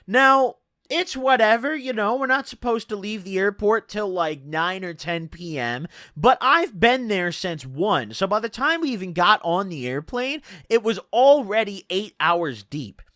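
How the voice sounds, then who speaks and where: A young man telling a casual personal story in laid-back stoner slang, swearing freely and punching his words with animated emphasis. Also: high voice, a little slow, no echo, clean studio sound.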